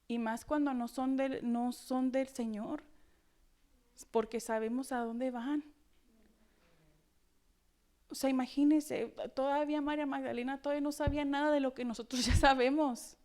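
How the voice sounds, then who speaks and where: Woman preacher, high voice, expressive sermon full of dramatic questions to the congregation.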